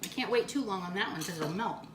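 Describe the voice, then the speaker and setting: A woman's voice: medium pitch, lively intonation, fast talker, echoey room, very noisy. A woman hosting a casual cooking demo in her home kitchen, gushing over the food as she cooks and tastes it. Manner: gushing, enthusiastic food descriptions. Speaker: cooking show host.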